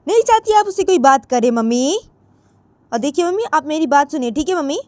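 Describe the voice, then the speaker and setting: A woman's voice: sits high, expressive, a little fast, darkish tone, no echo, pitched above the performer's own voice. Woman voicing a pleading tearful daughter. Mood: insistent pleading. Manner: pleading, repeats "mummy". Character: young woman, upset insistent daughter.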